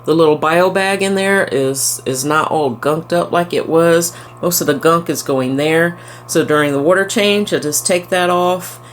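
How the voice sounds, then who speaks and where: A woman talks casually and warmly about her fish tanks, her low voice relaxed and unhurried. It is recorded on a camera mic in a room at home, with a faint hum behind her. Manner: chatty, fond and relaxed narration. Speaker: aquarium vlogger. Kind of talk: casual chat. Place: indoors at home by a fish tank.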